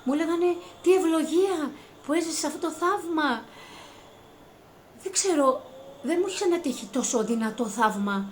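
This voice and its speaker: A woman earnestly recounting a personal experience to her viewers, growing more excited as she relives it. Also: a little hiss or hum. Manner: earnest, rising to high-pitched excitement when reliving events. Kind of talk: emotional personal testimony.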